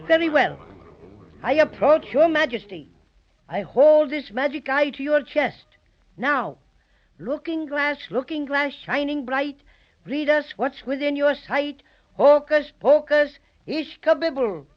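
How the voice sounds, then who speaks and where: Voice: high voice, animated, slow. An actor playing a friendly, clever little teddy bear in a 1930s children's radio serial, with a playful, showy manner. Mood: mock-solemn, showy. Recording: muffled old 1930s radio recording.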